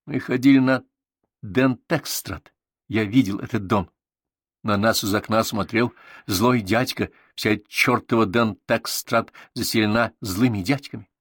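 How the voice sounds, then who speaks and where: A man voicing an indignant, scrappy schoolboy in an audiobook, with heated, shouted outbursts. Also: fairly low pitch, measured pace, dry recording, clean studio sound.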